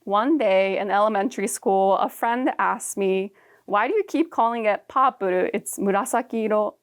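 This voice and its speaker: A young woman, Japanese being her first language, reads her own personal prose aloud. Her mid-range voice is smooth, and her delivery is calm, measured, and reflective.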